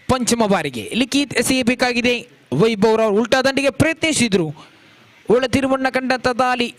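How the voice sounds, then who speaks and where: A man's voice: very high voice, a bit bright. A man giving live cricket commentary at a ground, with a flowing, formal delivery that rises on big shots.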